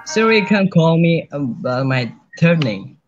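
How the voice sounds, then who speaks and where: Teenage boy, slightly high voice, polite and deferential, dull lo-fi call audio. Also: very animated, a little slow, soft background music. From Bangladesh. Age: teens. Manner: polite, says "sir" often, simple broken English. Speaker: student guest. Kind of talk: answering interview questions in English. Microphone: webcam on video call.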